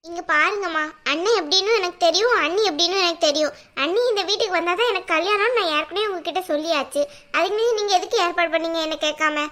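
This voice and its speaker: A woman voicing a stubborn cartoon daughter, high and sharp. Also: fast talker. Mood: defiant. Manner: curt, defiant, talks back. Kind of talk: cartoon voice acting.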